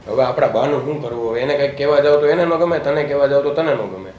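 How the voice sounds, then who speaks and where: Brief: actor as a tired, impatient husband, quick and curt, dull echoey recording. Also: male voice, mid-range voice, a little mellow, close to an everyday voice. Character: weary husband, tired of his wife's complaints. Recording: echoey, dull-sounding room.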